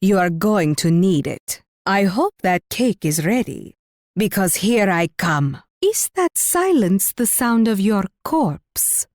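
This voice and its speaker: A woman's voice: mid-range voice, very animated, slow pace, darkish tone, dry recording, studio quality. An actress playing a haughty, warlike Spanish queen in a video game, delivering imperious, mocking taunts with sweetly condescending menace. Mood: smug, teasing.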